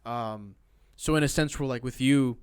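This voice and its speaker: Smooth-voiced easygoing male host. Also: mid-range voice, moderate pace, no echo, studio quality. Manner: easygoing, hesitant, laughs along. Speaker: podcast host. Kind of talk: casual chat.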